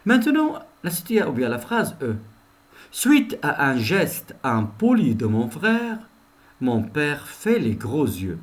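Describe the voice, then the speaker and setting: A male teacher walks his pupils through a lesson at a very slow pace, repeating each sentence and then explaining it. His pitch swings widely, rising sharply at each new item and sinking low when he gives the answer. He talks straight to the class and praises answers as if he heard them. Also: wildly swooping pitch. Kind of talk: recorded language lesson.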